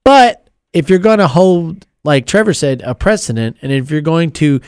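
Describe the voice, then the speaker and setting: A man's voice: on the high side, lively intonation, normal speed, clean tone, no room sound, clean studio sound. A man co-hosting a casual sports talk show, laughing often as he gives his opinions.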